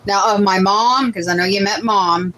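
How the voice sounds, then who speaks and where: A woman's voice: medium pitch, normal speed, fairly bright tone, rough recording. A woman in her late forties hosting a casual family livestream, chatting and reading viewer comments aloud. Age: late 40s. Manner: chatty, reads out comments and answers them. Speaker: host of a family cooking livestream.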